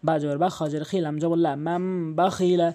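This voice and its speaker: A man's voice: fairly high pitch, level tone, fairly quick, mellow. A man teaching the rules of Quran recitation, patiently repeating each rule, spelling out letters and drawing out the recited words. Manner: drawls the recited Arabic words. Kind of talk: tajweed lesson over a screen drawing.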